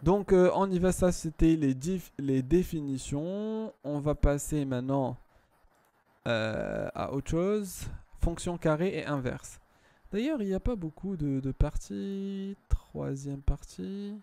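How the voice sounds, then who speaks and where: A man's voice: fairly high pitch, expressive, slow pace, creaky, dark tone. A man tutoring a student one-on-one in math, patient, often repeating himself and checking that she follows.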